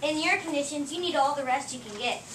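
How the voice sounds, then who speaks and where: A woman's voice: high-pitched, lively intonation, quick pace. A woman playing a fussing, bossy Mrs. Claus who scolds her husband in an amateur play reading. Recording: echoey room, distant mic, noise.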